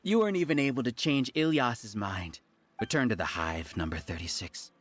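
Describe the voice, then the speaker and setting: An actor playing an arrogant, fanatical researcher villain in a game, speaking in condescending theatrical monologues. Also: male voice, medium pitch, normal speed, a little hiss or hum, close to an everyday voice. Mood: scornful, menacing. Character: arrogant fanatical male researcher villain ruling a hive mind. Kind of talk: theatrical voiced game dialogue.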